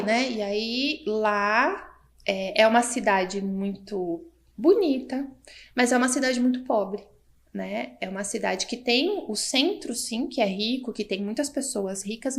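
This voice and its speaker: A woman from Brazil, a guest doctor recounting her past in a casual interview, animated and acting out what people said, with frequent tag questions. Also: fairly high pitch, unhurried.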